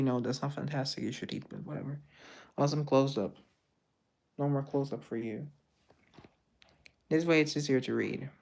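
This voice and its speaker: A man with a mid-range, darkish voice hosts a casual social media live through a phone mic. He reads viewer comments out loud and responds in a chatty, teasing, jokey way.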